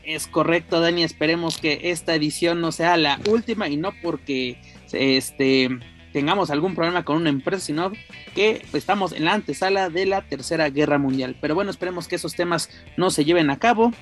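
A man's voice: on the high side, brisk, soft background music. A Mexican man hosting a show in the style of a lucha libre announcer, with formal, ceremonious introductions. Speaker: podcast host.

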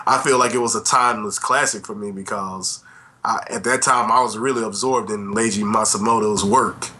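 A middle-aged man with a low, forceful, bright voice chats as a podcast co-host. He rambles casually through memories, self-deprecating and full of verbal asides. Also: fairly even intonation, normal speed. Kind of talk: casual chat, reminiscing.

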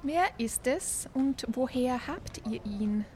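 Brief: scolding, horrified town apothecary for a fairy tale, read by a woman, slow delivery. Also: sits high, expressive, warm tone, a little hiss or hum, pitched above the performer's own voice. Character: shocked, pious male apothecary.

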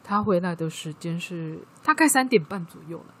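A woman with a Taiwanese Mandarin accent, co-hosting a casual chat podcast and telling a work story in a lively way. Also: lowish voice, moderate pace. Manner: lively storytelling, acting out quoted dialogue. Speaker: podcast co-host.

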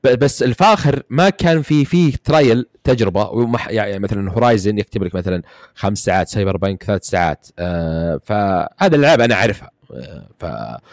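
Rapid-talking Saudi man, dry sound. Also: lowish voice, lively intonation, no echo. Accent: Gulf Arabic, Saudi. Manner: rapid, rambling, many fillers and restarts. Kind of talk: casual gaming chat.

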